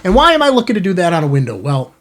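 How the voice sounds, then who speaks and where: Very fast and high-sitting, this American man's voice swoops wildly in pitch. Hosting a ham radio channel in an indoor office-building studio, he casually unboxes products and shows off gear to his viewers.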